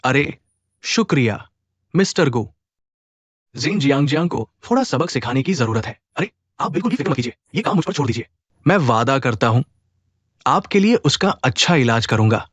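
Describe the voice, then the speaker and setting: A voice actor dubbing a scheming doctor who talks in a clinical, fawning way, in a drama dub. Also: male voice, mid-range voice, very animated, normal speed, pauses often, breathy edge, dry recording, lo-fi sound. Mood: ingratiating.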